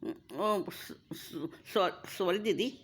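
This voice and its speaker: A woman voicing an excitable young female college student who talks breathlessly and stammers. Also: lowish voice, extremely slow, husky, exaggerated voice. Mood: flustered.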